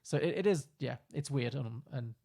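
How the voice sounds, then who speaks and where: A man's voice: medium pitch, moderate pace, vocal fry, warm tone. A man co-hosting a podcast, chatting casually about a film and retelling its plot with quoted lines. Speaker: podcast co-host.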